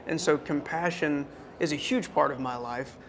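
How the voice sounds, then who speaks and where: Gravelly earnest male senator. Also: fairly high pitch, fairly bright tone, a little hiss or hum. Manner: earnest, halting, with many restarts. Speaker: state senator and floor leader guest. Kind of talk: interview talk.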